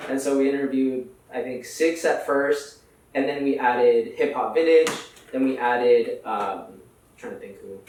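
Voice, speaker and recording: A man's voice: mid-range voice, a little slow, darkish tone. A young man from Houston, a podcast guest, talking in a laid-back, slangy way with lots of fillers. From Houston, United States. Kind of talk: casual interview chat. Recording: echoey room, far from the mic, faint noise.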